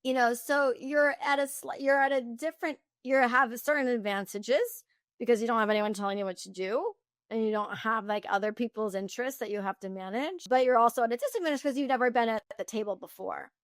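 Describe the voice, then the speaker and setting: A woman who founded a company, talking candidly in an interview, fast and animated, with many restarts and "like.". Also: on the high side, dry recording, clean studio sound. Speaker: founder and guest.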